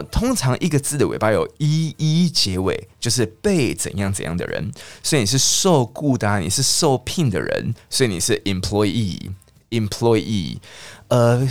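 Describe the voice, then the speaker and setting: A man teaching an English lesson, chatty, asking his listeners questions and repeating words slowly. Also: mid-range voice, no room sound. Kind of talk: lively lesson.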